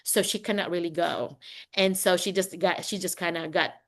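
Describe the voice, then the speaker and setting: A woman's voice: fairly low pitch, normal speed. A woman from the Philippines, a teacher, chatting casually on a video call, telling stories with frequent laughter. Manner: chatty, laughs often, animated storytelling. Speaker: teacher and session leader.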